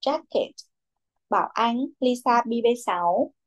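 A woman's voice: on the high side, unhurried, darkish tone. A young woman teaching a children's English class, who calls on pupils by name, repeats their answers and mixes English words into her instructions.

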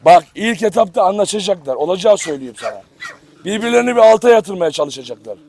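A man's voice: high-pitched, lively intonation, fast, darkish tone. A man hosting a casual dog-farm vlog outdoors, chatting to viewers and coaxing his dogs affectionately. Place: outdoor yard. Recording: noisy outdoor recording.

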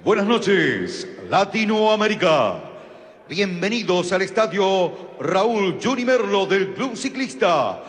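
A long, booming arena reverb carries this male ring announcer. He speaks slowly in a high voice, stretching names with formal showmanship, much like a lucha libre presenter. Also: big pitch swings. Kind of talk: formal fight introductions. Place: stadium, over the PA.

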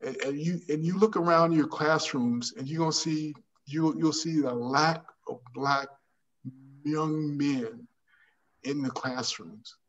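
A man's voice: a little high, slow pace. Older man telling stories on a video call. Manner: animated, repeats words while searching for phrasing. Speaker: artist panelist. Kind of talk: video call panel discussion. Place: home room with framed pictures. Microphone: video call webcam. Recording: distant, dull webcam audio.

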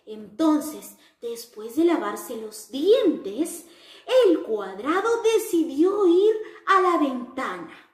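Woman teacher telling a children's story; very high and lively, slow sing-song, echoey room. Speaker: preschool teacher. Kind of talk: storytelling lesson for young children. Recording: roomy echo.

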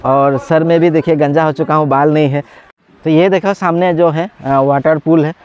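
A man's voice: a little high, lo-fi sound. A man in his forties with a cold, chatting casually as he vlogs at an outdoor water park, filming himself by phone at arm's length. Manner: chatty, excited, laughs often, many filler pauses. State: has a cold. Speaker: vlogger. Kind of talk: casual vlog commentary. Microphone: phone selfie at arm's length.

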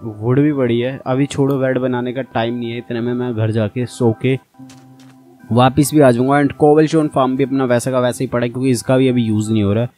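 Brief: young man, casual game commentary, mid pitch, faint music behind. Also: steady tone, brisk, warm tone. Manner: chatty, addresses viewers as brother. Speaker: gaming channel host.

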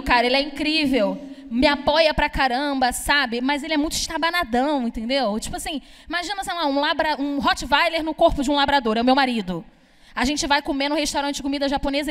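High-voiced brash woman doing stand-up. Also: a bit bright, big-room sound. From Brazil. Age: young adult. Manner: brash, chatty, crowd-teasing, swears freely. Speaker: stand-up comedian. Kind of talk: stand-up comedy set. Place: comedy club stage. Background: audience laughter.

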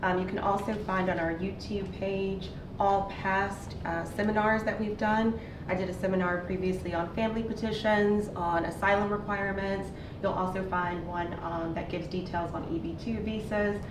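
A woman's voice: mid-range voice, fairly even intonation, moderate pace. Woman immigration attorney on a panel, practical tone, echoey, a bit distant. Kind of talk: informational panel remarks. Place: conference room panel. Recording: echoey distant room recording with noise.

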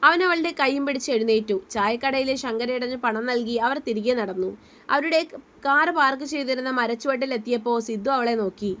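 A woman narrating a romantic story in a gentle, steady reading voice. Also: fairly high pitch, brisk.

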